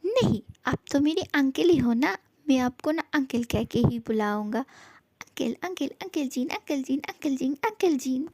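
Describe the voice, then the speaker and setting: A cheeky young wife, played by a woman in a homemade fan audio drama. Her voice is high and bright, recorded dry and close. She coaxes sweetly and teases in a sing-song way. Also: animated, unhurried, no room sound. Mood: taunting. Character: young wife, playful and teasing.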